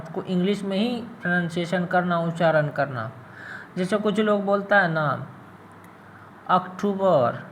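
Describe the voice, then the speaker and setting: Man, English tutor, slow deliberate speech, slightly high pitch. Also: a bit bright, a little hiss or hum. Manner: slow, drawn-out words, repeats terms for learners, teasing asides. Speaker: English teacher. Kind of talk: casual Hindi lesson on English pronunciation.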